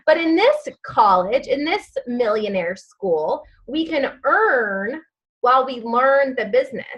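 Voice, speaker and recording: With an animated voice on the high side and a measured pace, a woman who leads a direct-sales team coaches her group in a live online session recorded with lo-fi sound. Her delivery is upbeat and chatty, packed with fillers, as she lays out instructions step by step and keeps repeating the key phrases.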